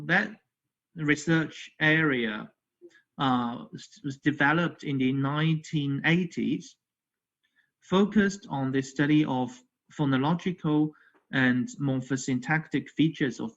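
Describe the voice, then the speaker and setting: A man's voice: fairly high pitch, muffled recording. A man giving an academic conference lecture remotely, hesitant, with many fillers and frequent "okay" check-ins. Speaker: academic presenter. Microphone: video call.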